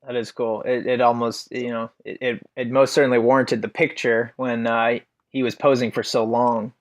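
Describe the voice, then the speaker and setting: A man's voice: medium pitch, flat delivery, moderate pace. A man hosting a podcast, who asks long, thoughtful questions with many fillers. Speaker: podcast host. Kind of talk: casual interview questions.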